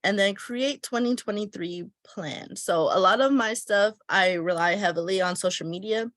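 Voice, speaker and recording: With a mid-range voice at a moderate pace, a woman who runs a travel business casually teaches weekly planning step by step. She chats and thinks aloud while filling in her planner, sounding a bit stuffy from a cold. The studio-quality recording has no echo.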